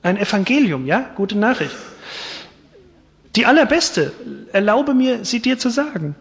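A kindly governor pleads patiently with a prisoner, as a preacher puts him on. The voice is fairly high and soft-spoken. It rings in a hall with a long reverb. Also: male voice, very animated, a little slow, exaggerated voice. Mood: pleading. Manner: gentle, coaxing.

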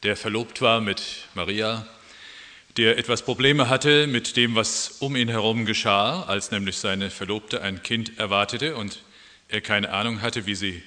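Ein Mann, der ruhig erklärend eine Predigt hält. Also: male voice, on the low side, sharp tone, big-room sound. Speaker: preacher. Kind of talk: sermon.

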